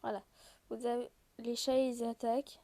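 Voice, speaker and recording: A woman with a high voice and a mellow, rounded tone talks through a mobile game as she plays. She explains each screen and rule straight to her viewers in an easygoing, conversational way. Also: level tone, normal speed. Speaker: gaming video host. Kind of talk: casual gameplay walkthrough.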